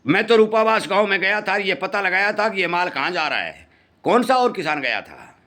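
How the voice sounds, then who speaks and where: Middle-aged host, high bright voice, earnest, repeats his warnings. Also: very animated, moderate pace. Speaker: farming channel host. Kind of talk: impassioned commentary to farmers.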